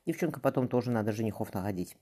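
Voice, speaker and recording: A man voicing Petya, a gentle, devout, loving stepfather who speaks softly. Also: on the low side, lively intonation, very fast.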